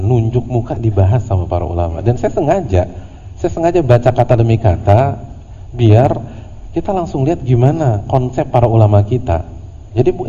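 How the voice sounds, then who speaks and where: A man teaching a religious study class in a relaxed, conversational way, with humorous slang asides. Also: on the low side. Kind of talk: casual religious study lecture. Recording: lo-fi audio in a reverberant hall with faint noise.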